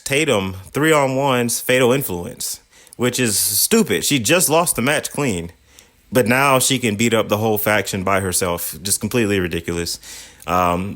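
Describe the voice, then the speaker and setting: A man's voice: on the low side, a bit bright. A man hosting a podcast, giving a casual recap of a wrestling show in an exasperated, sarcastic, rambling way. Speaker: podcast host.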